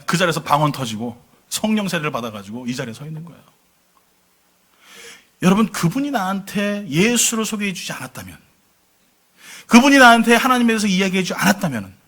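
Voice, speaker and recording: A middle-aged pastor preaches to his congregation in a church sanctuary, telling his story and throwing questions to the listeners. He has a high, bright voice with a forceful tone.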